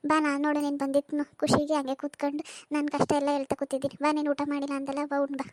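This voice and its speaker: A woman's voice: sits high, completely flat delivery, racing, slight background noise, lightly acted. Woman voicing a plaintive young village wife. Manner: plaintive rustic dialect. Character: unhappy young village wife mistreated by in-laws.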